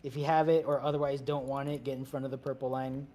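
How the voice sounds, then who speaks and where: A man leading a game raid, calling out instructions briskly, repeating commands and slipping in joking asides. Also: medium pitch, level tone, warm tone. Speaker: raid leader. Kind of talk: calling instructions over voice chat while gaming.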